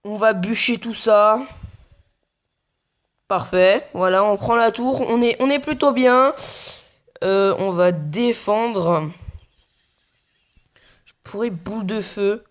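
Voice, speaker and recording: Young male gamer, slow unhurried delivery, mumbled running commentary with frequent swearing. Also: high voice. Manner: mutters play-by-play, swears often. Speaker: gaming video creator. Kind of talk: casual gameplay commentary.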